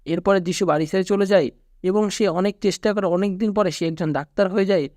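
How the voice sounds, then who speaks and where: Narrator: male, Bangladeshi Bengali accent, high voice, dry close recording, even storytelling read. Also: brisk, dry recording. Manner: steady storytelling recap, quoting characters flatly. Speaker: movie recap narrator. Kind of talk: scripted narration.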